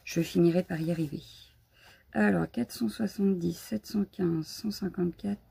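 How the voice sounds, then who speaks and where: A woman's voice: on the low side, moderate pace, creaky, warm tone, slightly rough. A woman hosting a casual live crafting stream from home, chatty and a bit scattered, greeting viewers as she shows her supplies. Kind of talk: casual live unboxing chat.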